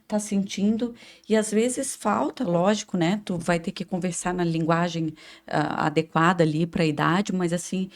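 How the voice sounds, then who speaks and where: A woman's voice: lowish voice, fairly even intonation, moderate pace, hardly any pauses. Lady on a panel, thoughtful, chatty. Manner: reflective, addresses the listener as "tu". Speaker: panelist, parent. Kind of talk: casual panel discussion.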